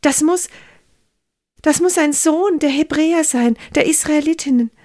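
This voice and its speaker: Brief: commanding young princess in a Bible story, lifted high voice, done by a woman storyteller. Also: unhurried. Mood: excited. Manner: excited commands, soft delight. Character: young Egyptian princess, commanding yet tender.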